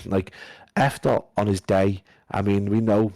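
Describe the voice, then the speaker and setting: A man guesting on a casual podcast, talking in a flat monotone while feeling unwell. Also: on the low side, unhurried, creaky, no echo. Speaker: guest esports caster.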